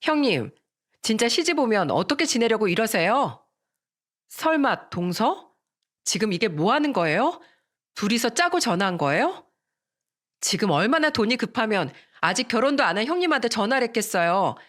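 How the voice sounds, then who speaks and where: A woman voicing a sharp-tongued young sister-in-law who talks in an edgy, accusing way. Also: on the high side, very animated, moderate pace, pitched above the performer's own voice.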